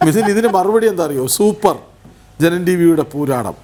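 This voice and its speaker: A man's voice: sits high, expressive, moderate pace, darkish tone. A man hosting a television interview, effusive in his praise and formal in phrasing. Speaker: TV host.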